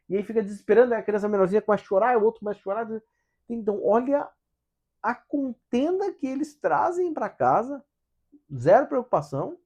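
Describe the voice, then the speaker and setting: A man with a very high-pitched, slightly mellow and slightly rough voice hosts a casual spiritual book study in Brazilian Portuguese. He talks animatedly, asks rhetorical questions and acts out quotes in different voices, and the audio is dull.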